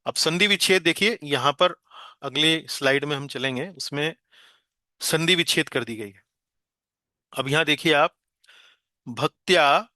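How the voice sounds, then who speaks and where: A man with a fairly high, bright voice teaches an online verse class. He explains patiently, pausing often, and draws out the Sanskrit words when he chants them. The sound is dry and close. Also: dry recording. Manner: slow, patient explaining with many hesitation sounds.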